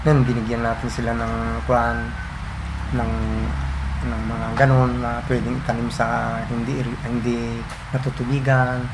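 A middle-aged man from the Philippines, working as a municipal agriculturist, explains slowly in a documentary interview and mixes in English phrases. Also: mid-range voice, little pitch movement, over loud music, rough recording. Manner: slow and halting, mixing English phrases. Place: indoors by a window. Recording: interview with audible background noise.

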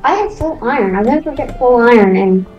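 Young woman co-player, slightly high voice, hesitant and playful, over loud game music. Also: animated, a little fast, roomy sound, muffled recording. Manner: hesitant, filler-heavy, playful. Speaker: guest gamer. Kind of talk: casual gameplay chat.

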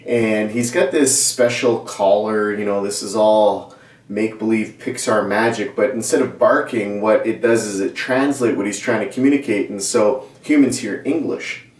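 A man in his forties, a pastor giving a conversational sermon to camera in a small indoor studio set, with many restarts and animated gestures. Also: on the low side, normal speed. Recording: roomy echo, mic at a distance.

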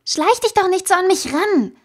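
A stressed, overworked teenage girl from a fan-made audiobook, read by a woman. Her voice is raised and high, and she sounds wound up. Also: animated, measured pace, breathy edge, heavily acted. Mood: snapping.

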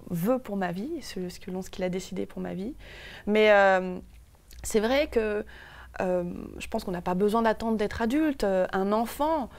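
A woman's voice: mid-range voice, a little mellow. A young woman from France, a guest in a TV studio interview, speaking thoughtfully with many hesitations and restarts on a lapel mic. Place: TV studio set.

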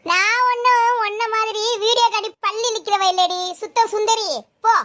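A woman playing a sharp-tongued mother-in-law who scolds and hurls insults at her daughter-in-law in a comedy sketch. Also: very high-pitched, steady tone, normal speed. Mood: scolding. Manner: scolding, name-calling.

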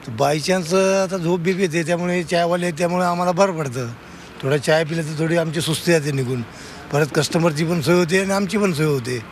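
A man's voice: a little high, fairly quick, soft background music. A male cab driver chatting casually in a street interview. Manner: casual, conversational.

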